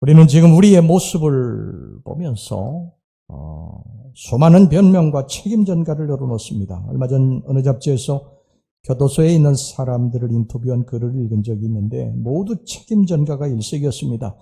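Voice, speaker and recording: A male pastor preaching a sermon in a church, earnest and emphatic, lifting his voice for key points and dropping to quiet asides. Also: medium pitch, animated, moderate pace, creaky, husky. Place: church sanctuary.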